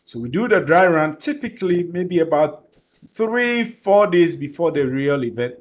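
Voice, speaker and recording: A man's voice: a little high, animated, unhurried, muffled recording. A man from Ghana with a Ghanaian accent, teaching through personal stories and repeating phrases for emphasis. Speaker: course presenter. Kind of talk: personal storytelling in a lesson.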